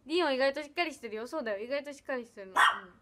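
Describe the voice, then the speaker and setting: A woman's voice: high-pitched, animated, racing, very noisy. A young woman, chatting casually on a livestream, giggly and chatty as she reads comments and thanks viewers. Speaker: idol livestreamer.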